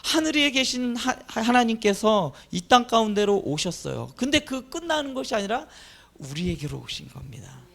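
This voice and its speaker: Man, pastor, sermon, high gravelly voice, lively swings in pitch. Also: normal speed. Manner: animated preaching, rising to emphatic highs. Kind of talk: Easter sermon.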